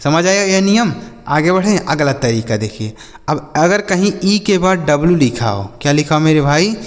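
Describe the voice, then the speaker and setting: A man teaching an English phonics lesson. He spells words letter by letter, sounds them out slowly, and asks the class questions that he then answers himself. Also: fairly high pitch, lively intonation, in a large hall.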